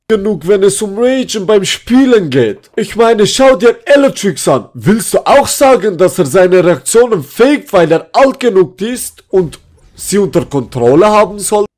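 High, lively mocking male commentator. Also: measured pace. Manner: mocking, addresses the target directly. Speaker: commentary video narrator. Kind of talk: critical commentary narration.

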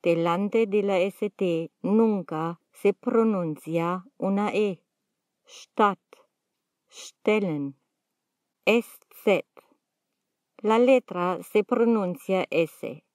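A woman teaching pronunciation, sounding out single letters and words one by one in a calm, measured lesson. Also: medium pitch, no room sound, clean studio sound. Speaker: language teacher. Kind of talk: slow, deliberate pronunciation lesson.

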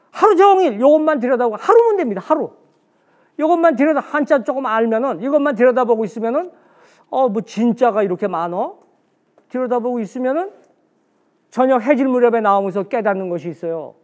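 A man's voice: very high-pitched, expressive, fast. A man giving a special history lecture in a blunt, colloquial way, asking himself questions and answering them.

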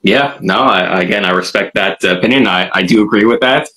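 A man's voice: on the low side, brisk, pushed and bright, low-quality recording. A man hosting an interview, asking polite, hesitant questions with many fillers. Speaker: podcast host, interviewer. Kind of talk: casual interview conversation.

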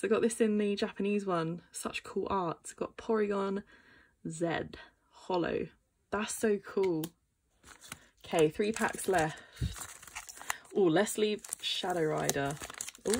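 A woman's voice: mid-range voice, a little mellow. A woman casually chatting as she opens trading card packs, gasping and exclaiming over what she finds. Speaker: card-opening vlogger. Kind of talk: casual unboxing chat.

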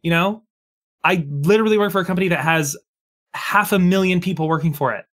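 Young male co-host, slightly high voice, casual game-stream chat. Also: fairly quick, fairly bright tone. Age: young adult. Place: indoors, home streaming setup.

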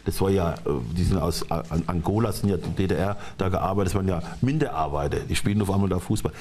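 A middle-aged man talking as a studio guest on a talk show, halting and restarting his sentences often. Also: low-pitched, a little mellow. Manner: halting, frequent restarts and repeated words. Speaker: studio guest, former football coach.

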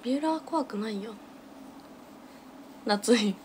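A woman's voice: on the high side, unhurried. A young woman chatting casually on a livestream while busy getting ready, muttering short, absent-minded fragments to herself and her viewers. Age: young adult. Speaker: live streamer. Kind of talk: casual livestream chat while doing makeup. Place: small room at home, indoors. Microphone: phone at arm's length. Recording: clearly noisy home phone recording.

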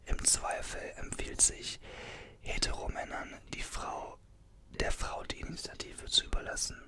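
A man in his twenties whispers in a hushed, breathy voice close to the microphone, reading aloud in ASMR style with informal, conversational asides. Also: measured pace. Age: 20s. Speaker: ASMR creator. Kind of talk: ASMR, reading an article aloud with casual comments. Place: small bedroom. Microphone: desktop condenser microphone, close up.

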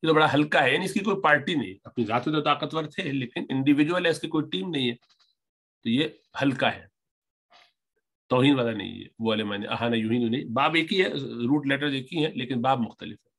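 A man teaching Arabic grammar, reading lines slowly and explaining them word by word. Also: medium pitch, expressive, a bit bright. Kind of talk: grammar lesson, reading and translating Arabic text.

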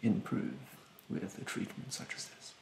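A young adult man performs a soft-spoken ASMR roleplay as a rude facial therapist, speaking in a breathy, hushed voice that is politely snide and condescending, with drawn-out, hesitant phrasing. He records indoors in a bedroom, and the room sounds echoey with a slight hiss or hum.

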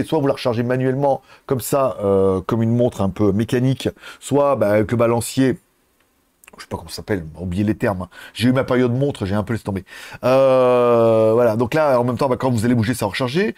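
A man's voice: mid-range voice, darkish tone, dry recording, studio quality. A man hosting a casual product review vlog, joking and playful, with lots of asides. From France. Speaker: product reviewer and channel host.

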